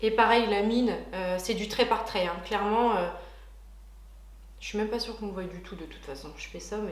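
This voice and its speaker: A woman's voice: mid-range voice, roomy sound. A woman beauty vlogger chatting casually and enthusiastically through a product unboxing, with frequent hesitations.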